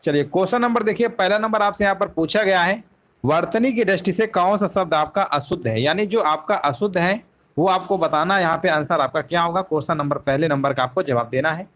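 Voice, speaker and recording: A male teacher with a somewhat high voice leads a live online exam-prep class. He walks through each question step by step, repeats the answers, and keeps asking rhetorical questions. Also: brisk, a bit bright.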